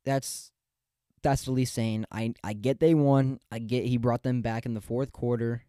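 Rambling man recapping football, smooth dark voice. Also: mid-range voice, steady tone, unhurried, dry recording, studio quality. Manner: rambling, opinionated, with frequent fillers and restarts. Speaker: podcast host. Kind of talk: casual sports recap.

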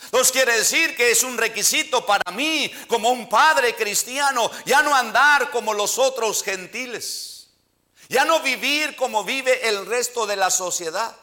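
Bright-voiced man preaching a sermon. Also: very high-pitched. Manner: emphatic preaching, repeatedly addressing listeners as brother; reads scripture aloud with slow stress. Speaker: pastor. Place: church.

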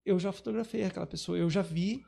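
A man's voice: high-pitched, fast talker, vocal fry, slightly rough. A man, a guest telling stories in a casual podcast and repeating his phrases as he goes. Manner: warm storytelling, repeats phrases. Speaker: guest, culture official and photographer.

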